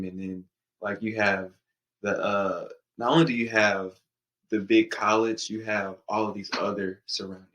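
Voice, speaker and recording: A man with a lowish, bright, forceful voice hosting a college podcast. He talks in a chatty, enthusiastic way, moving from a scripted intro to loose stories. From St. Louis, USA. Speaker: podcast host. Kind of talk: podcast interview.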